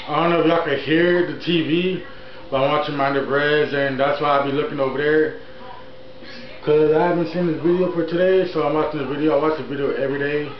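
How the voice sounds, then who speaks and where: Rambling young man, echoey storytime vlog. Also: fairly high pitch. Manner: informal, rambling, repeats himself. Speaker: YouTuber, channel host. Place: indoor room at home, TV on. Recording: echoey room, dull sound, faint noise.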